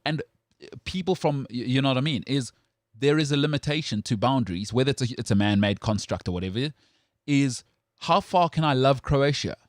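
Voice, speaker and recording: A South African man in casual sports chat who argues his points with emphatic conviction and trips over his own restarts. His medium-pitched voice sits close and dry on the mic, with no room around it. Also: animated, a little fast, dry recording. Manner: opinionated, emphatic, stammers on restarts. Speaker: sports show host.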